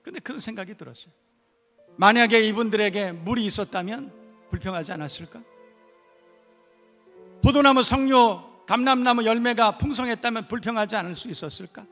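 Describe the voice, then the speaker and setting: A man's voice: sits high, fairly quick, pauses often, in a large hall, highs cut off, soft background music. A male pastor preaching a sermon in a church, emphatic, with repeated rhetorical questions. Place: church sanctuary.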